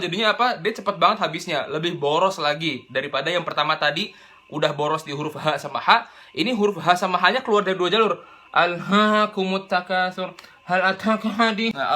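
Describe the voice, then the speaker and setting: A man's voice: a little high, bright, forceful tone. A young man, teaching Quran recitation in a casual, slangy explainer style. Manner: chatty, slangy, demonstrates recitation and silly voices.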